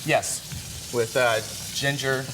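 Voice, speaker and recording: A man's voice: mid-range voice, fairly even intonation, extremely slow, background noise. Easygoing chef explaining as he cooks. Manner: easygoing, explains steps while cooking. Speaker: guest chef. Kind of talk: cooking demonstration chat. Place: TV studio kitchen.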